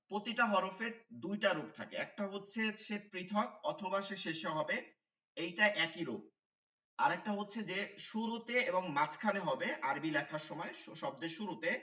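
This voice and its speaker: A man's voice: high-pitched, sharp tone, distant mic, highs cut off. Man teaching recitation in a roomy room. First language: Bengali. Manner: patient, repeats letter sounds, asks "okay?" often. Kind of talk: online class teaching.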